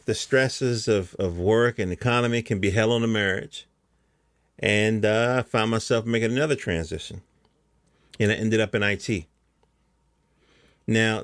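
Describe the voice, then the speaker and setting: Recorded with clean studio sound and no room sound, a middle-aged American man talks in a low voice in a casual, rambling monologue. Like a relaxed podcast host, he uses colloquial language and regularly checks that the listener is keeping up.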